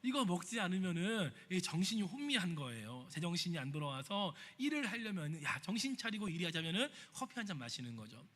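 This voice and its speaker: Animated high-voiced male pastor preaching. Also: fairly quick, few pauses, long reverb tail. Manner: lively preaching, acting out quoted voices and asking the congregation questions. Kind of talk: sermon. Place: church sanctuary.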